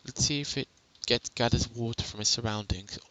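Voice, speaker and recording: A man's voice: medium pitch, fairly quick, noisy background. A young man casually narrating a game tutorial on a headset at home, rambling and correcting himself as he goes. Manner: rambling, self-correcting, chatty.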